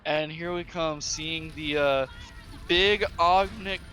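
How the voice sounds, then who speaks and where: A man giving live color commentary on an esports match, quick to get excited. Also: fairly high pitch. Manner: enthusiastic, excitable. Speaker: esports co-caster.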